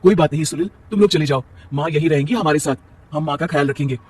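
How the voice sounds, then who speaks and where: A man voicing a gentle, patient young husband who speaks calmly. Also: fairly high pitch, quick pace, husky, distant mic. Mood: calm, hurt.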